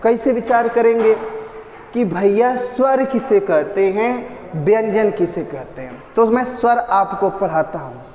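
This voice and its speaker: A man's voice: sits high, animated, unhurried, darkish tone. A man teaching an exam-prep lesson, repeating terms and chanting lines to drill them. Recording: echoey roomy reverb.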